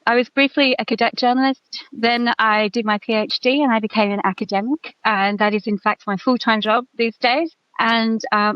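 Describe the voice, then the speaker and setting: A woman's voice: mid-range voice, clear, resonant tone, no echo, highs cut off. A Tasmanian woman in her fifties with an Australian accent, a guest author talking through her life in a thoughtful, self-deprecating way with many fillers. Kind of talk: casual interview chat.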